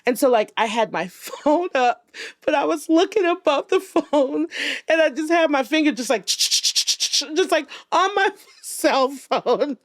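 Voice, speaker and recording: A woman podcast host chatting casually in a studio, telling stories with animated energy, swearing and laughing often. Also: high-pitched, unhurried, dry recording. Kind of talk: casual chat.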